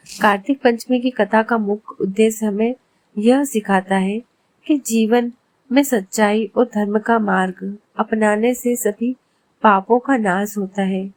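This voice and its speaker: A woman calmly and reverently narrating a devotional religious story. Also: medium pitch, no room sound.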